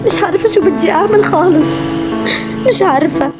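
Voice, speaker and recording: A woman's voice: very high voice, fast, loud music behind the voice. A young woman playing a burdened, protective older sister who speaks emotionally and tenderly. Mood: distressed. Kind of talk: amateur game drama voice acting.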